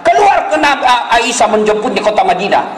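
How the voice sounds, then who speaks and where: A man preaching a humorous sermon, telling stories and acting out characters in lively voices. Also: extremely high pitch, fairly quick. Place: hall with live audience. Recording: echoey hall with faint noise.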